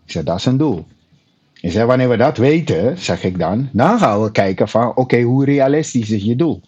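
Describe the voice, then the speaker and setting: A husky man with a lively, swooping voice, chatting casually about his work as a personal trainer. He acts out his clients' lines as he tells his anecdotes. The sound is a little dull and lo-fi. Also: medium pitch, a little fast. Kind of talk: casual storytelling chat.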